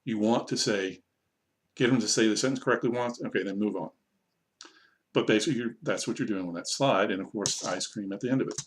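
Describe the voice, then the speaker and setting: A man, an online English teacher, casually explaining how to run a practice lesson in a relaxed, conversational way. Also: lowish voice, brisk. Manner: relaxed, conversational, self-correcting.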